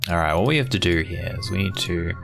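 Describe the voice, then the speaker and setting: A man with a fairly low, gravelly voice plays through an adventure game. He comments casually and reads the dialogue aloud, with faint music behind him. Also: lively intonation, fast.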